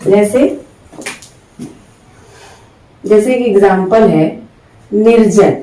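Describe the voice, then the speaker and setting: A woman teaching Hindi spelling rules, slowly drawing out each example word and mixing English words into her Hindi. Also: mid-range voice, animated, warm tone, echoey room, recorded from a distance, low-quality recording. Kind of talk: spelling lesson.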